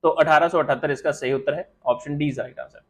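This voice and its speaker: A man's voice: a little high, fairly even intonation, fairly bright tone, poor audio. A man teaching a live online quiz class, rattling off questions and praising or teasing students by name. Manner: rapid quiz-master patter, praising viewers by name. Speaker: exam coaching teacher. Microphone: live stream mic with audio glitches.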